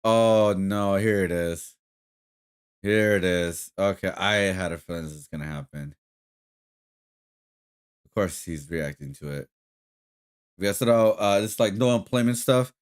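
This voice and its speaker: A man's voice: deep voice, measured pace, long pauses, smooth. A man live-streaming in casual chat, rambling with lots of fillers and talking to his viewers as guys. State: hiccups.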